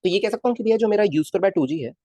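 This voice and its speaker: A man's voice: high-pitched, lively intonation, very fast, warm tone, slightly rough, no echo. A male physics teacher in a casual live class, coaxing his students with constant questions and calling them kids. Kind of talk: live online class lecture.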